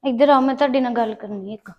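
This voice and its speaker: A woman's voice: on the high side, quick pace, lo-fi sound, lightly acted. A woman acting a resentful young wife who complains about her mother-in-law in a family web drama.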